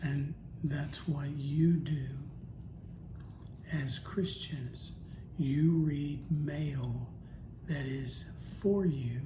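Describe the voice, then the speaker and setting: A man's voice: a little high, very slow. Guy doing a laid-back bible talk, chatty, asks questions, echoey room with hiss. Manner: conversational, storytelling, rhetorical questions. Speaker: Bible teacher. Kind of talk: casual Bible teaching talk. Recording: echoey room with steady noise.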